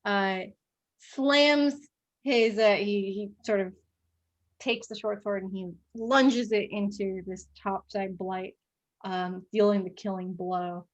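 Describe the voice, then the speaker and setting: A woman leads a tabletop session as game master. She talks casually, laughs a lot and swears freely. Her pitch sits in an ordinary middle range. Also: fairly even intonation, slow pace.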